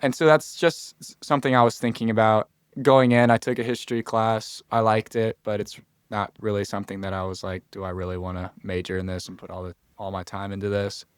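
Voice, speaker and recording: Clean studio sound with no echo captures a lowish, level, clear and resonant male voice, slightly fast. He's a young Floridian college freshman on a podcast, earnestly working through his thoughts aloud in casual interview chat, complete with restarts and quoted asides.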